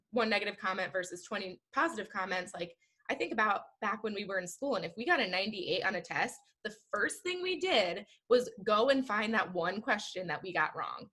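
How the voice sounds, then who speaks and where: On a podcast, a woman guest talks about her work as an entrepreneur, earnest and chatty and full of "like" fillers. Her voice sits in the mid range with a fairly bright tone. It's a casual interview chat picked up over a video call.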